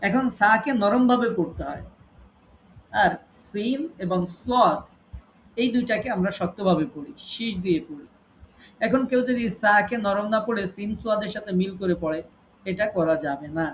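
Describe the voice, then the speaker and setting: A man teaching an online tajweed class, patiently explaining rules and slowly reciting Arabic examples. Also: high voice, expressive, a bit bright, a little hiss or hum. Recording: echoey room with faint ambience.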